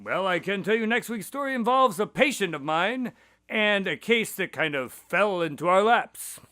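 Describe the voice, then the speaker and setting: An actor playing an affable doctor, the detective's companion, recounting cases conversationally in a radio drama. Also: male voice, high-pitched, animated, moderate pace, bright, forceful tone.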